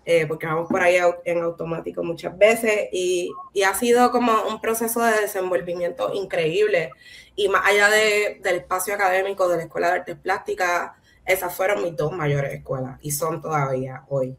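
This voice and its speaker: Speaking reflectively in a conversational artist talk, a woman who is a visual artist and guest speaker often checks in with her listeners through small tag questions. She has a Puerto Rican Caribbean Spanish accent. Her voice is lowish and her pace moderate.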